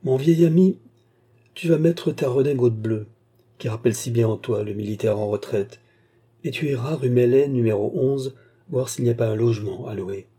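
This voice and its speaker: A man reading a novel aloud, voicing a respectful young nobleman who speaks gently to a lady and gives his servant firm orders. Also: mid-range voice, normal speed, breathy edge, lightly acted. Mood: commanding.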